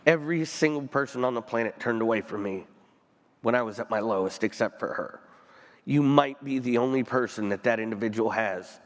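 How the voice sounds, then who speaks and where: A man speaking as a panel guest onstage, earnest and emotional, pausing often and restarting his sentences. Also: medium pitch, big-room sound. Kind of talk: onstage conversation. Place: conference stage.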